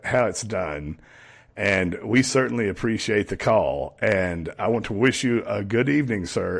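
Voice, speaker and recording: Man, fairly low voice, casual talk, call-in show host. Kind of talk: casual chat.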